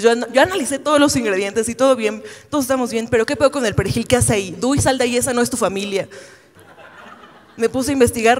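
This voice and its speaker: A woman's voice: medium pitch, long reverb tail. A woman with a Mexican accent doing a stand-up routine, telling stories in a chatty, exasperated way. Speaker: stand-up comedian. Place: comedy stage with live audience.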